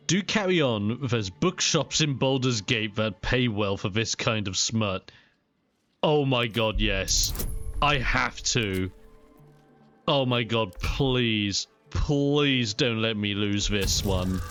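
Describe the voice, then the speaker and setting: A young man giving casual, chatty and expressive let's play commentary on a video game. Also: lowish voice, slow, soft background music. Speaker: gaming video host.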